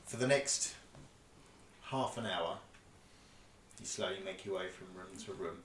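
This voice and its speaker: A man's voice: low voice, a little slow, fairly bright tone. Man game-mastering from across a roomy space. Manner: loose, conversational describing with fillers. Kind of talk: narrating a tabletop game. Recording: roomy, distant mic, faint noise.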